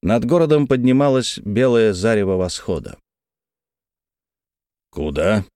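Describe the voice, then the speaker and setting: A man narrating a first-person thriller audiobook in a tense, measured way. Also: on the low side, a little mellow, dry recording, clean studio sound.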